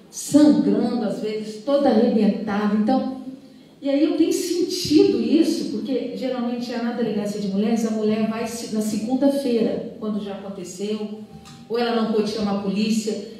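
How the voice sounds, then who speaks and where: A middle-aged woman with a Minas Gerais Portuguese accent and a mellow, somewhat high voice, chief of a women's police station, recounts a case during a panel in an event hall. She speaks earnestly but haltingly, often restarting sentences, and the mic sits far off in a very echoey hall.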